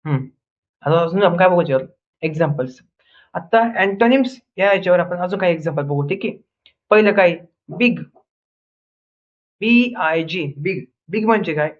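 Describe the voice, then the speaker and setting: A man's voice: high voice, lively intonation, moderate pace, long pauses. A young man teaching an English grammar lesson, drilling word pairs with repeated questions and answers and a constant "okay". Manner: says "ठीक आहे" constantly. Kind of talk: online lesson in Marathi. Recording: tinny phone-like audio.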